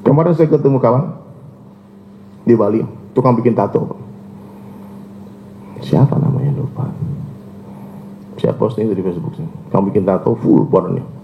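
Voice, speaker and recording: A man's voice: expressive, moderate pace, gravelly, pauses often, a little hiss or hum. A man preaching a sermon, telling stories and acting out the voices of people in them. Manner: storytelling, acts out dialogue with shifting pitch. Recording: echoey, muffled lecture recording.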